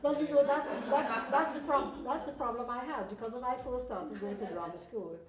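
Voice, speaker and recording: A woman's voice: on the high side, a little fast, crowd noise. An older woman with a Trinidadian accent, reminiscing in a panel discussion. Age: older, over 70. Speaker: panel guest, veteran actress. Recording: echoey room.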